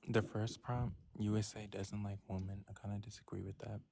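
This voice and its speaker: A debater in an online voice chat who talks quietly, almost in a whisper. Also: sits low, level tone, brisk, vocal fry, no room sound. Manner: quiet, near-whispered talk. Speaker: debate participant.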